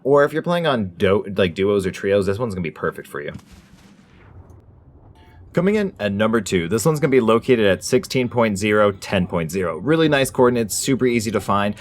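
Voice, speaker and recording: A man's voice: fairly low pitch, expressive, brisk, hardly any pauses. A man hosting a gaming channel, giving a casual, informal top ten countdown style commentary on ranked entries. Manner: informal, folksy phrasing.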